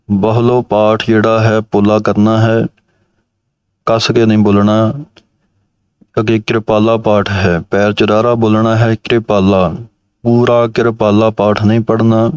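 A man with a low, smooth and even voice teaches sacred recitation at an unhurried pace. He chants each line in a measured way, then calmly explains how to pronounce it. The recording is dry and close. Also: no echo. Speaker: Gurbani pronunciation teacher. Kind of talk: recitation lesson.

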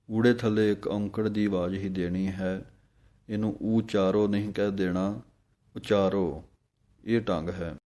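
A man teaching correct recitation of scripture, drawing out each verse slowly and then explaining how to pronounce it plainly. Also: on the low side, warm tone. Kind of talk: slow, careful recitation lesson.

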